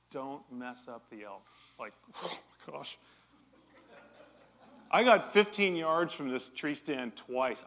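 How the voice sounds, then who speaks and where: A middle-aged man preaching a sermon as pastor, telling a personal story in an animated, self-deprecating way. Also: medium pitch. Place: church.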